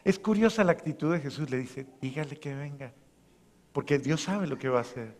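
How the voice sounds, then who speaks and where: A man preaching a homily as a parish priest, acting out voices and swinging from soft to loud. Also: fairly high pitch, lively intonation, quick pace. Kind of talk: sermon. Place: large church. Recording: long church reverb.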